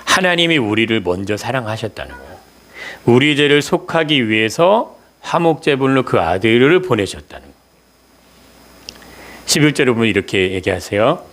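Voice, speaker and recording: A man's voice: medium pitch, big pitch swings, moderate pace, fairly bright tone. A man preaching a Sunday sermon as pastor, asking the congregation questions, answering them himself and repeating key words for emphasis.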